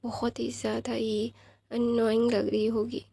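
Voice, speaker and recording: A woman voicing a possessive, lovestruck young man, speaking softly and half-whispered. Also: on the high side, flat delivery, a little slow, vocal fry, husky, dry recording, full character voice.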